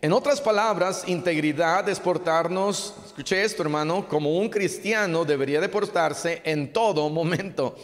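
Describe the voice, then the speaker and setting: A male pastor preaches earnestly, pressing his points home by repeating them. His voice sits a little high for a man. It rings out with a long reverb through a church hall. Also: moderate pace, hardly any pauses. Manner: earnest, exhorting, repeats key phrases. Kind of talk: sermon.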